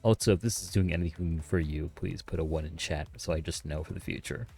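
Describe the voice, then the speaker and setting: A man's voice: rumbling low, a little fast, creaky, warm tone, husky. A man hosting a podcast, signing off casually, speaking right up close to his microphone at a home streaming setup. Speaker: podcast host. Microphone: close studio mic with pop filter.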